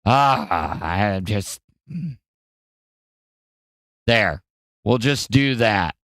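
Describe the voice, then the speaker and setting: A man hosting a podcast in casual, profane commentary, animated and jumping between loud outbursts and mumbles. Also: fairly low pitch, very slow, no echo. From Wisconsin. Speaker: podcast host. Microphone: studio mic in front of green screen.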